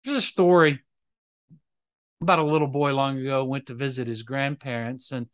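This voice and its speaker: A man preaching a sermon as pastor, with emphatic rises and slowed, drawn-out phrases, mixing storytelling with teaching. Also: mid-range voice, steady tone, clear, resonant tone, no room sound.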